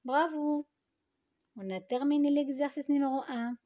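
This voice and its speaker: A woman teaching a phonics lesson to young children, speaking slowly and deliberately, repeating words and stretching them out syllable by syllable. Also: high-pitched, dark tone, lo-fi sound. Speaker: primary school teacher.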